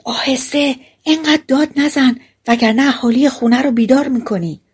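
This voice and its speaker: A woman reading a nervous, hurried burglar. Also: sits high, slightly rough, voice pushed up. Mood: nervous urgent. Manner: hushed, urgent. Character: nervous grown male burglar, gruff and hurried.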